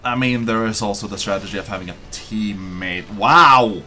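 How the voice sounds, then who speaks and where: A man's voice: lowish voice, steady tone, a little fast, a bit bright. A man chatting casually while playing a game with friends, dry and teasing, signing off the episode. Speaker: co-host gamer. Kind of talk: casual gaming chat.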